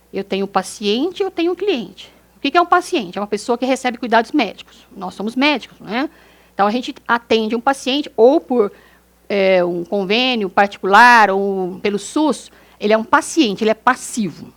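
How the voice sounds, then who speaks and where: A middle-aged woman doctor with a São Paulo Brazilian accent giving a lecture to fellow doctors, asking rhetorical questions and acting out quick examples. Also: on the high side. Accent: Brazilian Portuguese, São Paulo.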